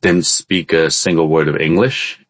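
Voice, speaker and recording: An entrepreneur on a podcast, born in Vietnam and living in the US since age ten, casually tells his story as an interview guest, hesitating often. His voice rumbles low and unhurried, with no room sound.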